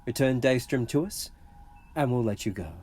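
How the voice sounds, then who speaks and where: An actor playing a ruthless, arrogant starship captain in an audio drama, commanding and smug in a clipped delivery. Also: male voice, mid-range voice, lively intonation, moderate pace, a little mellow, soft background music, natural voice. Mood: smug, menacing. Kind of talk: dramatic audio comic acting.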